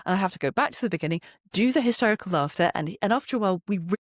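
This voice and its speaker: Here a performer and poet in her fifties chats as an interview guest, well-spoken and lively, often performing the lines she quotes. The recording is dry and studio quality, and her medium-pitched delivery is animated and rapid-fire.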